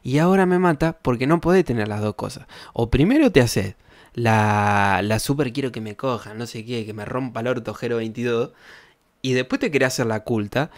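A man's voice: mid-range voice, brisk, no echo, studio quality. A young man from Argentina with a Rioplatense accent, reacting to tweets as a streamer in rambling, sarcastic casual chat, swearing often and laughing at his own jokes. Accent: Rioplatense Spanish.

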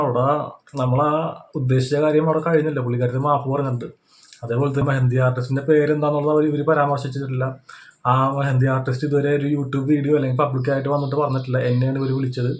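A man from India with a mid-range, somewhat dark voice offers unscripted opinion commentary as a YouTube reaction commentator. He explains things repetitively and often checks in with the listener.

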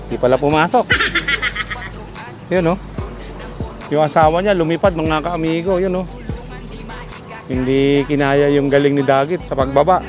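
A man vlogging outdoors at his pigeon loft, chatting excitedly and calling his birds down in the wind. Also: a little high, a little slow, long pauses, over music. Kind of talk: casual vlog commentary.

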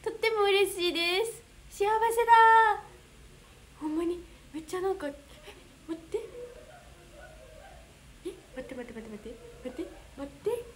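A woman's voice: very high voice, expressive, normal speed, pauses often, a little hiss or hum. A young woman with a Kansai accent, chatting casually on a livestream as an idol, reading fan comments in a bubbly, giggly, easily flustered way. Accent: Kansai Japanese. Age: young adult.

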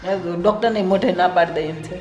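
A woman's voice: lowish voice, a little fast, a little mellow, soft background music, close to an everyday voice. A middle-aged woman playing a weary mother-in-law who agrees in a tired way. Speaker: mother-in-law in family drama. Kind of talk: Gujarati family drama acting. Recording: distant, echoey room.

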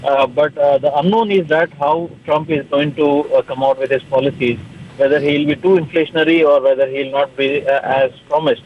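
A man's voice: a little high, fairly even intonation, normal speed. A man, a commodity analyst answering on live TV, hesitant, with many fillers and restarts. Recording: tinny phone-like line.

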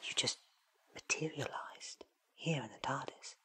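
A man's voice: mid-range voice, unhurried, pushed and bright, husky, heavily acted. A man in his thirties playing an eccentric, curious, ancient alien time traveller, theatrical and wordy, in a close-miked ASMR roleplay. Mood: puzzled, curious. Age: 30s. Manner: theatrical, wordy, self-assured. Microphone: close sensitive microphone.

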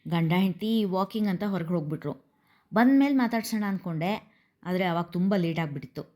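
A woman's voice: on the low side, fairly quick, a little mellow, close to an everyday voice. A woman voicing an anxious middle-aged mother who frets and complains like a young girl. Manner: worried, complaining.

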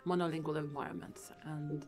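A young Lebanese composer, guesting on a podcast interview, talks animatedly in a low voice at a fairly quick pace, laughing often and switching between languages. She sits in a room with Christmas trees, speaking into a studio mic on a boom arm, with music in the background.

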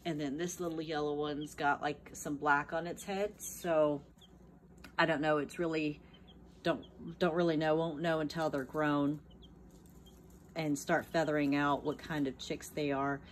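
A small farm vlogger chats plainly about her chicks from behind a phone camera at home, narrating off-camera with lots of ums and restarts. Her voice is low and flat, a little slow, with a faint hiss or hum in the audio.

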